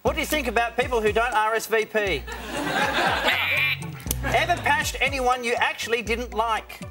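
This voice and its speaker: A man hosting a TV talk show, teasing his guest with quick jokes. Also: very high voice. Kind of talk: joking talk-show interview. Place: TV studio with audience. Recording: studio audience and music.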